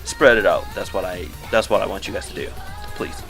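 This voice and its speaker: A man's voice: low voice, brisk, gravelly, fairly bright tone, soft background music. A young man from Canada co-hosting a podcast, joking in upbeat, rambling casual chat from a small home studio. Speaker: podcast co-host.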